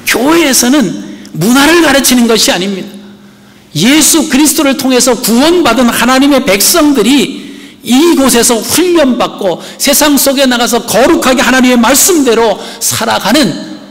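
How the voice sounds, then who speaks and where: A man preaching a sermon as pastor, earnestly asking the congregation rhetorical questions. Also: very high-pitched. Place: church sanctuary. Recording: long church hall reverb.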